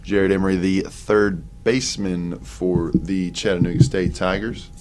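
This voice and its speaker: Low-voiced male baseball announcer. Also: a little slow. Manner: relaxed, chatty, offhand asides between pitches. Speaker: play-by-play announcer. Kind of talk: sports commentary.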